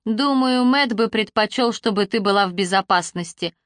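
A woman voicing a calm, firm young man who speaks steadily and insistently in a storybook reading. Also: mid-range voice, normal speed, no echo, clean studio sound, lightly acted.

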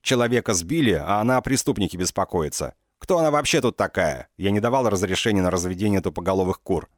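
A man's voice: on the low side, big pitch swings, normal speed, no room sound, studio quality. A man voicing an arrogant, domineering rich young man who barks scornful insults in an audiobook. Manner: loud, scornful, barking insults.

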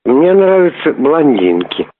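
A man with a voice on the high side speaks slowly in a sing-song way during a crude prank phone call. He's pushy and rambling, cursing frequently while insisting on meeting, and the line sounds tinny.

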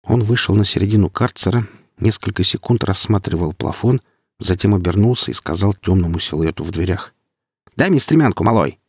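A man reading an audiobook in a steady, measured way. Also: sits low, husky, dry recording, studio quality. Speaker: audiobook narrator. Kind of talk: audiobook narration.

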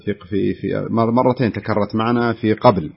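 A man with a husky voice explains and corrects a caller's pronunciation at a quick clip. He speaks in a plain teaching manner on a call-in program. The sound is slightly muffled. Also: fairly low pitch, steady tone. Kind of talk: radio call-in instruction. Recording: slightly muffled radio broadcast.

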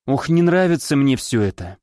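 A man's voice: medium pitch, very animated, normal speed, dry recording, clean studio sound, lightly acted. A man doing a prickly, suspicious young woman. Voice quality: sharp, grumbling.

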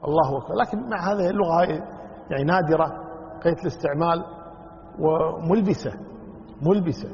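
A man's voice: a little high, normal speed, long pauses, a little mellow, slight background noise. A man teaching a religious lesson as a sheikh, explaining a book of jurisprudence and acting out wrong ways of chanting, drawing out and singing the phrases. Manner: imitates wrong chants of the takbir, drawn out and sung. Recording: lo-fi, echoey hall.

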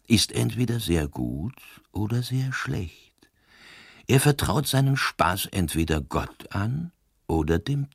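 Guy reading a quiet old priest sleuth, deep husky voice, grave and unhurried, dry close sound. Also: dry recording, full character voice. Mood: musing. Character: calm, sharp-minded old male priest detective. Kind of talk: scripted narration.

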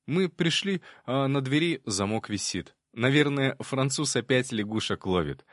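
A man's voice: medium pitch, lively intonation, unhurried, dry recording, studio quality, pitched above the performer's own voice, close to an everyday voice. A man voicing a shy young village boy in a storybook reading, timid at first and plain-spoken. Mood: childlike. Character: shy village boy, carefree once bold.

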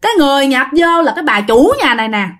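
A woman's voice: sits high, animated, fast, a bit bright, voice pushed up. A woman voicing a spiteful female ghost who haunts a staircase, scolding with contempt. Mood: scornful.

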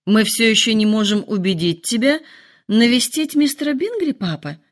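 A woman voicing a sensible young daughter who speaks politely and gently pleads. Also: on the high side, expressive, moderate pace, close to an everyday voice.

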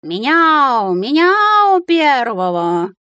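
A woman's voice: high-pitched, big pitch swings, extremely slow, pushed and bright, no echo, clean studio sound, voice pushed up, exaggerated voice. A woman voicing a yowling pompous male cat. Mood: indignant yowling. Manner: yowling, indignant. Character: brash male cat familiar, pompous and loud.

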